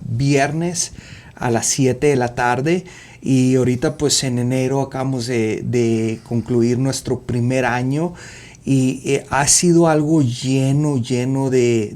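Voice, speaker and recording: A man in his forties giving an earnest, halting personal faith testimony as a podcast guest, with frequent fillers. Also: mid-range voice, dark tone. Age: 40s. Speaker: podcast guest, youth minister.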